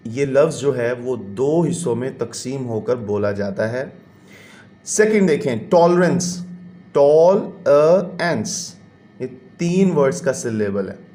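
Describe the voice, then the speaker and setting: A man's voice: mid-range voice, darkish tone, echoey room. A man, teaching a classroom lesson and explaining patiently step by step. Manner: patient, explains step by step, counts syllables aloud.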